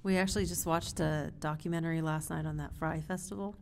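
A woman's voice: low-pitched, fairly even intonation, fairly quick, gravelly, darkish tone, slight background noise. A woman guest in a studio discussion, chatty and correcting herself as she talks.

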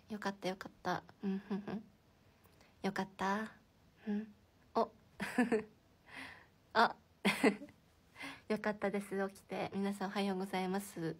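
A woman's voice: medium pitch, husky. A young woman hosting a casual livestream from indoors, chatting and giggling as she reacts to viewer comments. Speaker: idol livestream host.

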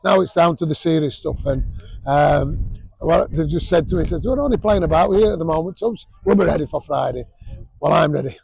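A man's voice: fairly high pitch, brisk, gravelly, a little mellow, slight background noise, rough recording. A man, a rugby coach giving a blunt post-match interview outdoors, full of fillers and restarts. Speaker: rugby league head coach. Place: outdoors at a sports ground.

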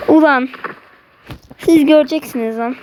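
Woman, gameplay commentary, high voice, unhurried delivery, excitable, game noise behind. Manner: excitable, frustrated outbursts, swearing at opponents. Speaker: gamer.

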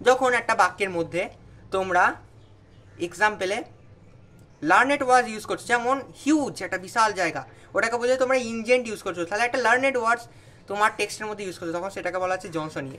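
A man's voice: sits high, fast talker, sharp tone. A young man with a Bengali accent giving an exam revision lesson, explaining terms and checking that students follow. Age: young adult. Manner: explains terms then asks students "understand?". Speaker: tutor.

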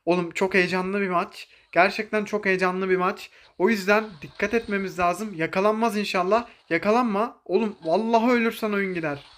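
A young man streaming a mobile game, commentating live in an excitable, joking way, barking orders to teammates and throwing in English exclamations. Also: sits high, normal speed, few pauses.

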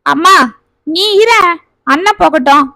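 A woman's voice: high voice, slow, gravelly, pushed and bright, no room sound, exaggerated voice. A woman voicing a proud, stubborn young mother in a spoken family story, defiant and then anxious.

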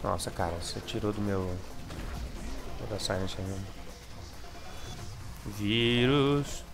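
A young Brazilian man with a Brazilian Portuguese accent commenting on his gameplay casually, excitable and repeating words, with sudden shouts. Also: lowish voice, takes it slowly, over music. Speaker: gameplay streamer.

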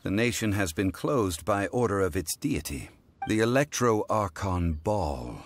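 A man voicing an ancient god living as a calm, dignified mortal, speaking in measured, formal sentences. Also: sits low, slight background noise. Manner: measured, formal, stately speech. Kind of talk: video game voice acting.

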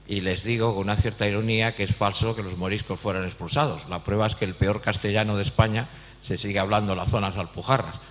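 Low-voiced man asking from the floor. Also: a bit bright. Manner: lecturing, ironic. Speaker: audience member asking a question. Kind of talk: question from the floor. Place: lecture hall at a public event. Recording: hall reverb, faint hum.

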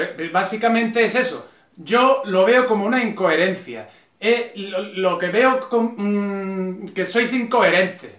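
A man's voice: high-pitched, fairly bright tone, reverberant. A man with a Spanish accent talking casually from his sofa, ranting with sarcasm and many restarts. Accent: Spanish from Spain. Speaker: vlogger. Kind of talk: casual opinion vlog. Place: home living room, on a sofa.

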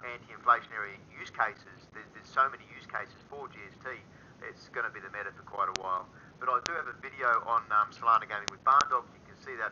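A man hosting a casual community voice call, relaxed and chatty, calling people dude and mate. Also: on the low side, lo-fi sound, background noise. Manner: laid-back, calls people dude and mate. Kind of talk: casual chat.

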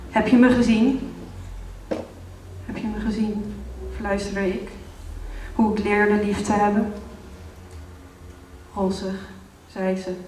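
A woman performing spoken-word poetry at a slam, reciting slowly with emphatic swells. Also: mid-range voice, a little hiss or hum. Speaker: slam poet. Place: reading room at a poetry slam. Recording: roomy hall sound from a distance.

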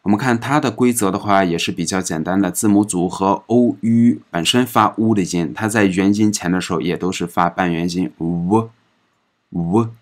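A man teaching a recorded pronunciation lesson, patiently explaining and saying each example word several times in a drawn-out way. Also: low-pitched. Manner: patient explaining, ends phrases with soft particles. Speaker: French language teacher.

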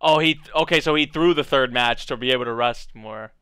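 A young adult man giving casual live reaction commentary, thinking aloud in an informal, halting way. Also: mid-range voice, bright, forceful tone, smooth, no echo. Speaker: anime reaction video host. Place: small indoor bedroom or study.

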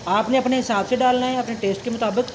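A man's voice: very high-pitched, fairly even intonation, fast talker, slight background noise. A young man hosting a cooking channel, explaining a recipe step by step in a polite, formal way with religious greetings.

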